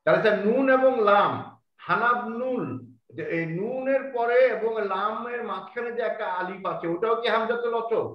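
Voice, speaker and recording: High-voiced male student in an echoey room. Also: moderate pace. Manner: asks earnest questions, addresses the teacher as sir. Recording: roomy, lo-fi sound.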